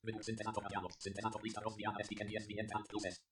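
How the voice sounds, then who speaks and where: A robotic synthesized screen-reader voice reading out menu items in a fast machine readout. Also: mid-range voice, background noise. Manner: rapid flat machine readout. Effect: robotic synthesized speech.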